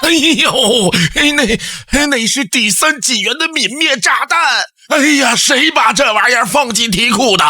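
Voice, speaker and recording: A frantic contest official in a motion comic, yelling in alarm. His voice is very high and piercingly bright for a man. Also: sing-song, fairly quick, few pauses, full character voice. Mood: panicked. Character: panicking male contest official.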